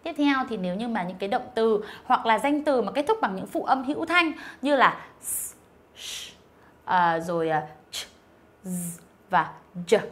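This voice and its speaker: A young woman teaching English online at a patient, steady pace. She keeps her voice in a middle register and slows down to model each sound carefully. Frequent fillers and gentle check-in questions run through her explanations. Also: mid-range voice. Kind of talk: online lesson.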